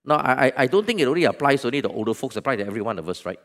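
A man preaching a sermon as pastor, with a Malaysian English accent. He swings from loud exclamations to hushed near-whispers, repeats his points and asks the congregation questions. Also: medium pitch, very animated, very fast.

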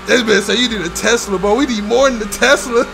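Excitable young man, gravelly voice. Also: very high voice, fairly quick, music in the background. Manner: excitable, swearing, frequent laughter. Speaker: gaming streamer. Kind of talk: live gameplay commentary.

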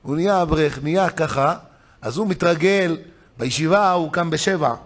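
A man, a rabbi giving a weekly Torah lesson, telling stories with big swings between loud excited emphasis and low hushed asides. He acts out the voices of the people in his stories. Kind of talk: animated storytelling lesson.

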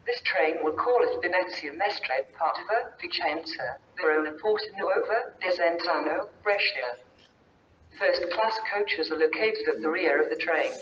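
A woman's voice: fairly low pitch, lively intonation, measured pace. Echoey female formal station announcer. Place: over a railway station PA. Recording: echoey, dull, noisy station loudspeaker.

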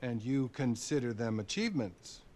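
A man voicing a calm therapist in a game cutscene who speaks with dry detachment. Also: mid-range voice, moderate pace, a crowd in the background, close to an everyday voice. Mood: detached.

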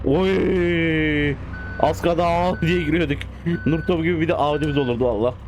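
A man talks through a driving game in a loose, casual commentary. He is excitable and often scolds the computer drivers, in a voice pitched a little high. Loud engine and road noise from the game runs under his voice. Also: moderate pace. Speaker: gaming channel host.

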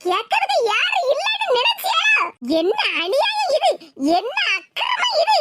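A woman voicing a loud, meddling young village woman in a cartoon, with a Tirunelveli Tamil accent. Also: very high voice, a little hiss or hum, exaggerated voice. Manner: indignant and loud.

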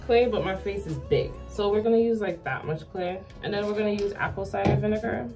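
A woman's voice: mid-range voice, fairly quick. A young woman vlogging casually in playful, tongue-in-cheek zoomer slang, speaking toward a camera in a small bathroom. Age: young adult. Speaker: beauty vlogger. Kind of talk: casual vlog chat. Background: music under the voice.

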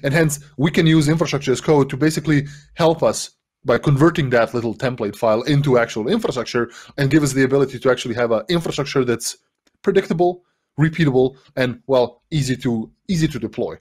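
Energetic bearded man giving a tech workshop. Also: medium pitch, fast, breathy edge. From Serbia. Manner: energetic, lots of fillers and restarts, rhetorical "right?". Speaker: developer advocate giving a workshop. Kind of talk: conference workshop talk. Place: home room, indoors. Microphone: headset.

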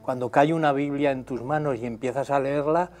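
A man's voice: medium pitch, fairly even intonation, brisk, a little mellow. Male host quoting scripture in conversation. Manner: quotes scripture and adds short affirmations. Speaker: interview host. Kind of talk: faith interview conversation.

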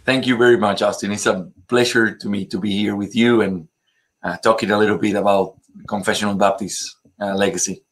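Halting Ecuadorian Spanish-accented man, low voice. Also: little pitch movement, faint music behind. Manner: halting, many pauses and fillers. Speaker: pastor, guest. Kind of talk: interview conversation.

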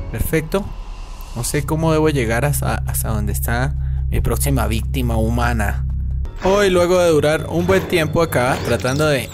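An excitable male gaming host in a playful let's-play, talking to the little creatures on screen as if he were the monster hunting them. His voice sits somewhat high. Game music plays clearly underneath.

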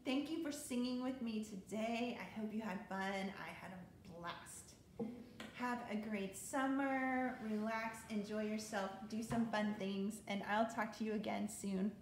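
A woman music therapist leading a sung lesson for children, cheerful and gentle as she sings and talks to the kids. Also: medium pitch, a little slow, a little hiss or hum. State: voice tiring from singing. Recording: very echoey room with guitar.

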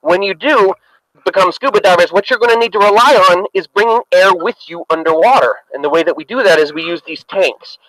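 A man's voice: sits high, brisk, fairly bright tone, no room sound, low-quality recording. A marine researcher speaking on a boat deck through a microphone inside his dive mask, explaining plainly to young viewers on a live educational broadcast.

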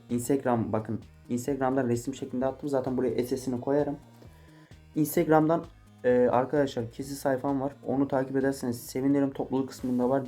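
Eighteen-year-old male vlogger, rapid joking banter, dark mellow tone, faint guitar under it. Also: medium pitch. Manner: joking, swearing, mock-angry outbursts. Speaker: YouTuber answering viewer questions. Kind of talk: casual Q&A vlog. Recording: faint guitar music behind.

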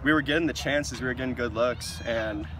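A young man, a college soccer player, answering reporters after a game outdoors at a stadium field in a relaxed way. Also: medium pitch, fairly quick. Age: young adult. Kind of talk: post-game media interview. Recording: outdoor noise, traffic behind.

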